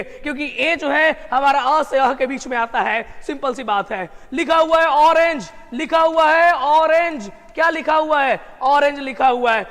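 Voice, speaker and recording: A man teaching English grammar online. He drills his students with repeated questions, slows down to stress key terms and breaks into emphatic bursts. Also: very high-pitched, long reverb tail. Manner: lively with sudden emphatic outbursts.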